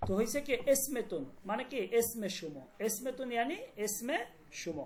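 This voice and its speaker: A woman teaching a language class online, explaining words slowly and often asking whether students follow. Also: fairly high pitch, lively intonation, a little mellow. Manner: repeats words and checks understanding often.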